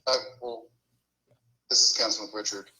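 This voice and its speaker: A man, a city councilman, speaking haltingly in a council meeting while calling in over a speakerphone. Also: lowish voice, fairly even intonation, sharp tone, low-quality recording.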